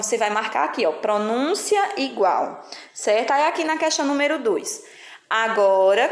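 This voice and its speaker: A woman with a Brazilian Portuguese accent teaches a children's lesson, explaining slowly and patiently and checking in constantly. Her voice sits fairly high. The sound is echoey, as if she recorded it in a bare room.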